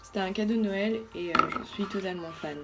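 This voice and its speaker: A woman's voice: medium pitch, fairly quick, heavy background noise. A woman giving a casual makeup tutorial as a beauty vlogger, chatty and thinking aloud with lots of fillers.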